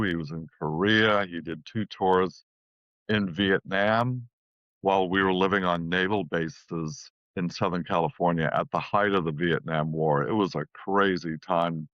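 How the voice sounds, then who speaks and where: Low-voiced man telling a rambling story. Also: a bit bright, no echo. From New Zealand. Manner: rambling, repeats phrases. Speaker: guest musician. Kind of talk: casual storytelling in an interview. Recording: dull, dry lo-fi sound.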